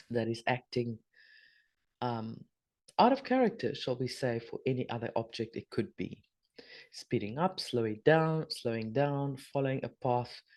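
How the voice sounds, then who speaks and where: A middle-aged woman hosts a spiritual video update, her bass voice hoarse and husky from a sore throat, with a darkish tone. She chats casually through an energy update, rambling into trailing asides.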